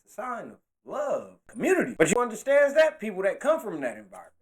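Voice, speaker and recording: A man delivering an impassioned monologue to camera, animated and slangy, talking with his hands. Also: sits high, fast. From California. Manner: animated, preachy, slangy street talk, gestures while talking. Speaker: political commentator.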